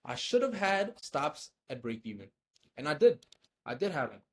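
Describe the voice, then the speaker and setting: A man going back over his own trades, frustrated and scolding himself, swinging between loud outbursts and low muttering. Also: very animated, moderate pace. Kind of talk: self-critical screen-share trade recap.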